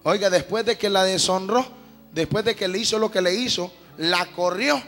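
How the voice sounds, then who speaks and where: A man preaches with fiery emphasis in a very high, gravelly voice. Long hall reverb trails his words, with faint music playing beneath. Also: moderate pace, a bit bright. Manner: emphatic, addresses listeners as brother. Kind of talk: fiery sermon with Bible reading.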